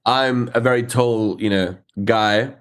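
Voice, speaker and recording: A man hosting a podcast, relaxed and chatty, swearing casually. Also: mid-range voice, takes it slowly, clear, resonant tone. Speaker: podcast host. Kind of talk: casual chat.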